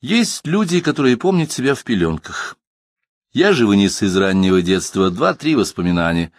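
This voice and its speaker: A man narrating a literary audiobook in a measured, expressive reading voice. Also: lowish voice, no room sound, clean studio sound.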